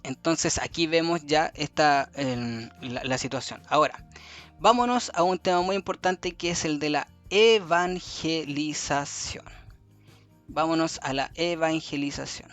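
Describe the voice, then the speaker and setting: A man teaching a review lesson to schoolchildren, repeating key words slowly for emphasis. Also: a little high, a bit bright. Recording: faint music behind.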